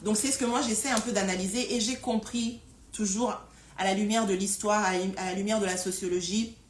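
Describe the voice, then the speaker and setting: A woman's voice: mid-range voice, steady tone, fairly quick. A woman hosting a casual live stream, talking with frequent hesitations, repeated words and fillers. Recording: roomy echo with faint noise.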